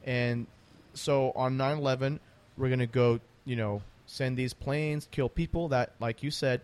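A man's voice: medium pitch, fairly even intonation, a little slow, darkish tone. A man hosting a conversational interview, talking emphatically and repeating phrases to drive points home. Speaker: interview host.

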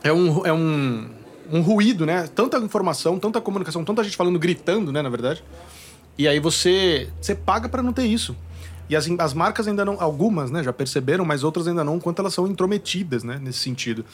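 A man hosting a casual podcast, relaxed and slangy, asking long rambling questions. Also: on the high side, quick pace, slight background noise. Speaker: podcast host.

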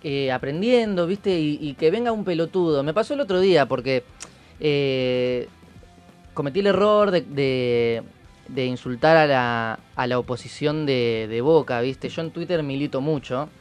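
A man's voice: fairly high pitch, a little slow, clear, resonant tone, faint music behind. A man with an Argentine accent, chatting on a talk show panel, opinionated and rambling, with slang. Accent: Argentine Spanish. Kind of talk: casual panel chat.

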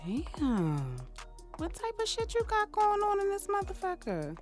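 A woman's voice: very high-pitched, wildly swooping pitch, measured pace, soft background music, heavily acted. A woman playing a brash, hot-tempered young woman in an audio drama, bossy and combative with slangy, profane talk. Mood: incredulous.

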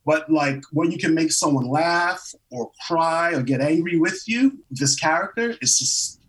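Animated storytelling man, off mic. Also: fairly high pitch, measured pace, far from the mic, low-quality recording. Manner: animated storytelling, laughs often, acts out quotes. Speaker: actor guest. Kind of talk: casual interview.

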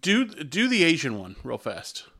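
A man's voice: a little high, huge pitch swings, unhurried, pushed and bright. A man co-hosting a casual podcast, teasing the others and egging them on. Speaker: podcast co-host. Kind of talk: casual chat.

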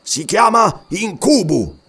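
A man voicing an older male hunter who speaks in a measured, persuasive way in an audiobook. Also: high-pitched, very animated, sharp tone, husky, exaggerated voice. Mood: earnest.

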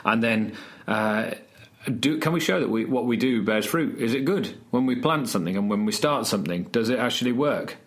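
Man, co-host, casual chat, jokey storytelling, even middle pitch. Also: brisk. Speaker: podcast co-host.

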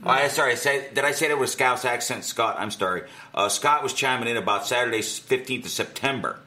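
A man with a bright, forceful voice co-hosts a casual sports chat. He chimes in with short remarks and reactions, and his tone stays crisp and sharp. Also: mid-range voice, a little fast. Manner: brief, chiming-in reactions. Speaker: co-host.

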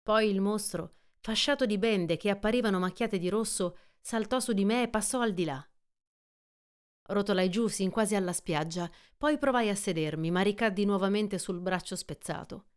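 A woman narrates a classic novel in a measured, even storytelling voice of middle pitch. Her tone is smooth and clear throughout, steady and controlled as she carries the story forward. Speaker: audiobook reader. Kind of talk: scripted literary narration.

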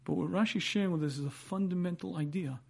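A man giving a religious lecture, emphatic and fond of repetition, with a husky voice and frequent throat clearing. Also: high-pitched, fast talker. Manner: emphatic, rhetorical questions and repetition. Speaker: rabbi giving a Torah lecture. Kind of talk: religious lecture, explanatory teaching.

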